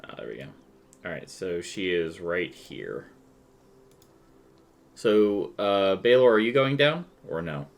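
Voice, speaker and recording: A man's voice: deep voice, very animated, slow, gravelly, pauses often. A man running a tabletop game as game master, narrating and chatting conversationally with the players.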